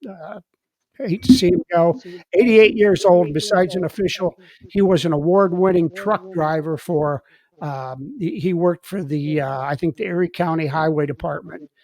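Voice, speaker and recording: Kinda high voiced guy, halting, lots of uhs, podcast chat. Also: darkish tone, no room sound. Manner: hesitant, halting speech. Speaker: podcast co-host. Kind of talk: casual conversation.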